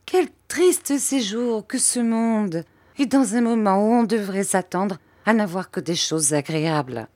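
Casting note: woman doing a fretful, weepy young mother in a storybook reading, high and whiny, dry close sound. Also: expressive, measured pace, dark tone, no echo. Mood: petulant pleading. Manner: high, whining and pleading.

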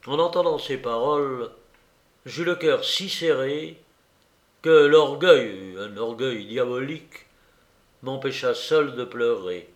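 A man narrating a literary story aloud in a measured, expressive reading. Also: medium pitch, echoey room. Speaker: audiobook narrator.

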